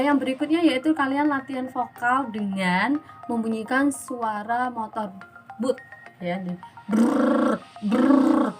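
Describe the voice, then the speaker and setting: A woman's voice: medium pitch, fairly bright tone. A woman teacher giving an instructional lesson to her students, explaining step by step and asking rhetorical questions.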